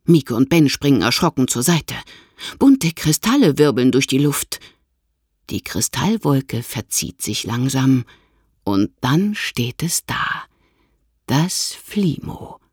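Narrator: woman, low husky voice, slow expressive children's audiobook reading, dry close recording. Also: no room sound. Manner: expressive storytelling.

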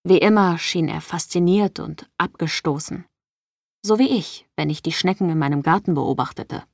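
A woman reading a first-person audiobook in a measured storytelling manner. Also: on the low side, vocal fry, darkish tone, no echo, studio quality. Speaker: audiobook narrator.

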